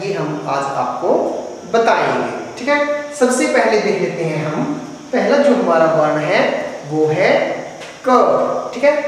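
A man teaching a recorded lesson to young children. He talks slowly and patiently, asks questions and then answers them himself. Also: sits high, very animated, slight background noise. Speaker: primary school teacher. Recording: echoey room heard from a distance.

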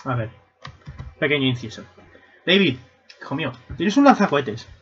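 A young man commenting casually on a video game stream, swearing and breaking into excited shouts. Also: on the high side, moderate pace, breathy edge. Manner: excitable, swearing, bursts into shouts and silly voices. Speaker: gaming streamer. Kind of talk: casual let's-play commentary. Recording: lo-fi stream mic audio.

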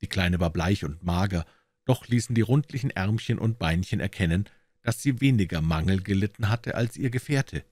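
A man narrating a classic detective novel as an audiobook reader, in measured storytelling with lively emphasis. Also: sits low, no echo. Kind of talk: scripted narration.

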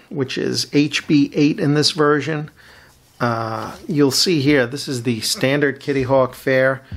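A middle-aged man talks through a model kit review at his home hobby desk in a relaxed, easygoing way, full of ums and uhs. He sounds at an even, middle pitch, recorded by a desk webcam. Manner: relaxed, chatty, many fillers. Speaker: scale model builder, channel host. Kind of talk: casual build review.

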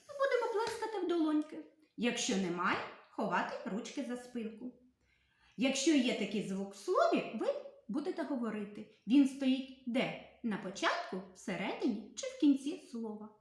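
A woman teacher giving a literacy lesson to young children, spelling out sounds slowly and asking questions she then answers herself. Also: high voice, very animated, very echoey. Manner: slow, sing-song, carefully spelled-out sounds.

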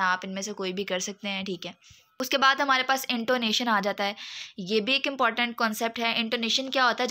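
Bright-voiced woman tutor. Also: fairly high pitch. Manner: explains step by step, repeats "theek hai" often. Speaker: online tutor. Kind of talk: exam-prep lecture.

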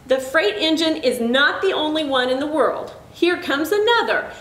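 A woman voicing a little male toy clown and his doll friends, eager and excitable, in a children's storybook reading. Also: high voice, normal speed. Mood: hopeful. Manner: pleading, excitable. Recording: echoey room with faint noise.

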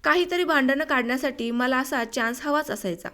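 A woman narrates a short story for an audiobook. Her voice sits high, and she reads in a measured, unhurried way. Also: bright, forceful tone.

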